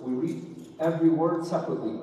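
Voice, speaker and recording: A man's voice: fairly high pitch, a little slow, warm tone. A man teaching a Quran recitation class, explaining rules step by step and checking that his students follow. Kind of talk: classroom lesson. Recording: echoey hall from far off, faint noise.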